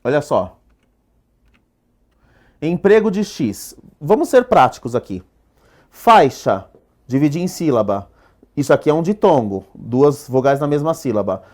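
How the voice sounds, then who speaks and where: A man with a Brazilian Portuguese accent teaching a recorded exam-prep lesson. He stresses each rule slowly and keeps checking in with "perfeito?". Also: a little high, very animated. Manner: drills rules with rhetorical questions, asks "perfeito?" often; slow, stressed delivery when stating rules.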